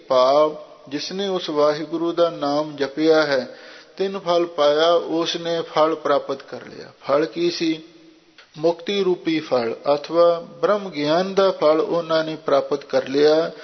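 A man preaching in a fairly high voice who draws out sacred verses in a slow, half-sung chant, then explains them in plain speech. He repeats the holy name over and over. The recording is dull and lo-fi. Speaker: Sikh preacher expounding scripture. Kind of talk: sermon explaining hymns line by line.

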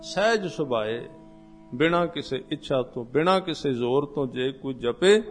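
A man preaching a scripture sermon to a congregation, explaining hymn lines one by one and chanting the verses slowly. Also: medium pitch, faint music behind. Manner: addresses a congregation directly. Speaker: Sikh preacher.

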